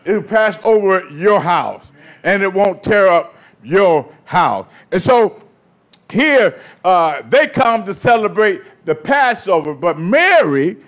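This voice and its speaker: A man preaching a sermon in call-and-response style, building from steady talk up to shouting. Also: high voice, takes it slowly.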